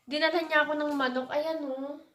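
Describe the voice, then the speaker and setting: A woman from the Philippines talks in a chatty, casual vlog voice that sits high. She sometimes coaxes a child in a gentle mommy tone. The room sounds echoey, with faint background noise. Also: fairly even intonation, moderate pace. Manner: chatty, switching to a coaxing mommy tone with her child. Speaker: vlogger and mother. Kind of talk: casual home vlog chat. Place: indoors at home, bedroom.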